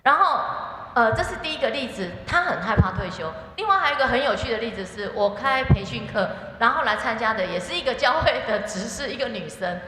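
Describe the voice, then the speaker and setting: Middle-aged woman, Taiwanese Mandarin accent; lively church guest speaker in a reverberant hall with faint background noise. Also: a little high, brisk. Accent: Taiwanese Mandarin, switching into Taiwanese Hokkien. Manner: lively storyteller who acts out quoted voices. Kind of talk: conversational talk with anecdotes. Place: church sanctuary.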